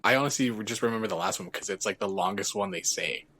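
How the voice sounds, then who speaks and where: A man co-hosting a podcast, speaking in relaxed, slightly hesitant casual chat. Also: lowish voice, fast, slight background noise. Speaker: podcast co-host.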